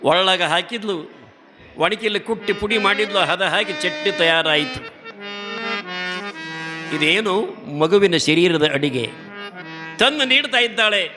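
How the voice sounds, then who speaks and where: A man's voice: high-pitched, measured pace, pauses often. A man giving a devotional storytelling discourse in a rhythmic, dramatic narration. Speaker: religious storyteller. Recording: accordion music behind the voice.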